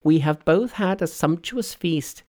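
A man voicing a bossy, cheeky trickster monkey in a storybook reading, brisk and commanding. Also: fairly high pitch, a little mellow, pitched above the performer's own voice, lightly acted. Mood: scolding.

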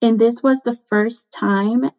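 A woman's voice: a little high, steady tone, takes it slowly, darkish tone. A young woman from Guatemala, a budget coach, telling her story as a guest on a podcast interview, earnest and reflective. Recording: muffled lo-fi sound.

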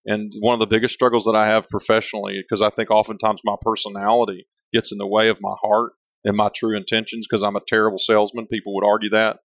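A company leader, interviewed casually, speaks candidly in a big voice with a big personality, rambling and repeatedly restarting his sentences. His pitch is on the low side and his tone fairly bright, but his delivery is flat and quick with hardly any pauses. The recording is dry.

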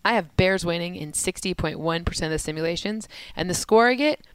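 A woman co-hosting a casual football chat, running through stats quickly, correcting herself mid-sentence and laughing easily. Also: fairly low pitch, clear, resonant tone, no echo. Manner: rapid stat-heavy analysis, laughs easily, self-corrects. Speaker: sports podcast co-host and analyst. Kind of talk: casual sports analysis chat.

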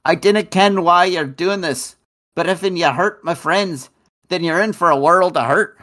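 A man voicing a young Scottish woman who turns into a wolf, in a put-on Scottish brogue with a gruff, threatening manner. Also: high-pitched, moderate pace, fairly bright tone, pitched above the performer's own voice.

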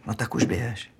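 An actor playing a tense, defensive police detective who pushes hard in questioning, in a radio drama. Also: male voice, mid-range voice, a little mellow, breathy edge, full character voice. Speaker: police interrogator.

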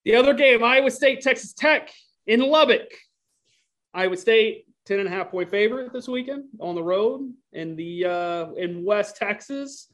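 A man co-hosting a sports podcast, laying out betting lines in a measured way with dry jokes. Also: sits high, expressive, a bit bright. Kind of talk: casual sports betting chat.

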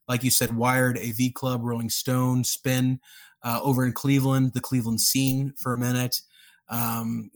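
A man in his thirties from Texas and Pakistan, a journalist telling his story as a podcast guest in an easygoing, expansive way. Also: mid-range voice. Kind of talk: interview storytelling.

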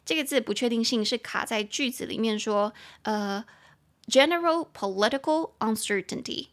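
Brief: young woman teacher, slightly high voice, slow spelling, chatty playful asides. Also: fairly bright tone. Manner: spells words out slowly, shifts between English and Mandarin. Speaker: English teacher and podcast host. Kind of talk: bilingual vocabulary lesson podcast.

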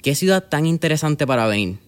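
A man's voice: on the high side, lively intonation, brisk. Upbeat podcast host man. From Puerto Rico. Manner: upbeat, slangy, mixes in English. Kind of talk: hosting an interview.

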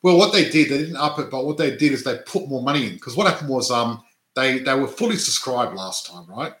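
A man's voice: medium pitch, expressive, fairly quick, a bit bright, roomy sound, rough recording. A man from Adelaide, whose first language was not English, co-hosting a casual podcast chat and often tagging his points with "right?". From Australia (Adelaide). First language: not English; parents were immigrants. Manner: chatty, tags statements with "right?", many restarts. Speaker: podcast co-host, real estate investor.

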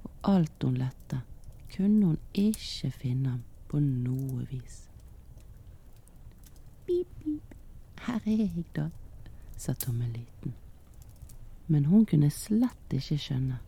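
Man, slow half-whispered storytelling, gravelly, dark mellow tone. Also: mid-range voice, animated.

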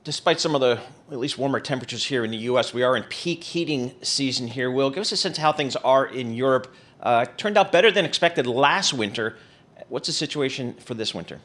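A man co-hosts a radio program with rapid market news. His delivery is conversational and built from short, punchy phrases, at an average male pitch. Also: expressive, a bit bright.

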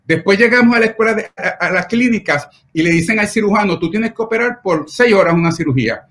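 Doctor guy, middle-aged, kinda high voice, earnest and emotional, lots of tag questions. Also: lively intonation, fast, a bit bright. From Puerto Rico. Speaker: pediatric nephrologist. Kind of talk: personal storytelling in an interview.

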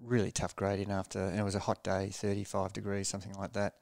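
A man recalls his racing days as a podcast guest, speaking in a measured, low-key way. His voice sits low and stays flat and even. It comes through smooth and resonant in a dry, close recording. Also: dry recording. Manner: measured and low-key, often restarting phrases. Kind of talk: reflective storytelling in a podcast interview.

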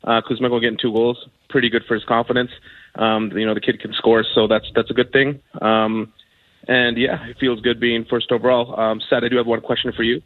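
A man's voice: medium pitch, flat delivery, fairly quick, no echo. A man calling in over the phone to a sports radio show, chatting casually with plenty of ums and uhs. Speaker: caller. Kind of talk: casual call-in chat. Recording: tinny phone line.

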